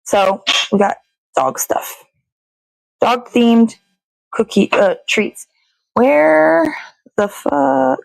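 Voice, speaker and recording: This American woman hosts her morning show from a home kitchen, chatting casually, rambling and cursing as she cooks. Her fairly high voice is animated yet very slow, gravelly and darkish, with long pauses. The low-quality recording has no room sound.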